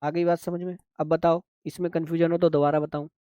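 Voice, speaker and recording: A man teaches shorthand in a live online class. His voice sits a little high for a man, and the recording is dry and close, with no room sound. He takes each step slowly and keeps checking that the class has followed. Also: flat delivery, warm tone, clear, resonant tone, no echo. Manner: patient, repeats steps, checks if students understand.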